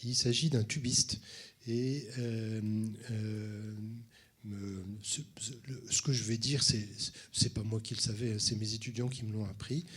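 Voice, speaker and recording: Husky hesitant man introducing a concert. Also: fairly low pitch, fairly even intonation, a little slow. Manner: hesitant, many restarts. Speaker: cello teacher presenting a concert. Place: concert hall at a conservatory.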